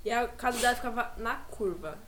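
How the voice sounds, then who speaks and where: A woman's voice: on the high side, fairly quick, fairly bright tone, a little hiss or hum. Chatty woman in casual talk. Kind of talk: casual chat.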